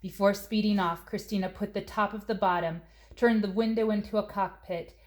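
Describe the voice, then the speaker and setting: A woman with a mid-range voice narrates a children's story aloud, her phrasing expressive and deliberate, like a storybook reader.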